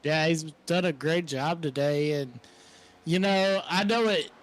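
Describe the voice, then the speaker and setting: A man's voice: on the high side, measured pace. A man giving casual color commentary on a sim race, chuckling and using lots of fillers.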